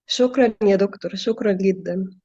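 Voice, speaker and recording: A woman's voice: mid-range voice, brisk, dark tone, lo-fi sound. A woman from Egypt with an Egyptian Arabic accent, a student speaking politely and gratefully to her teacher.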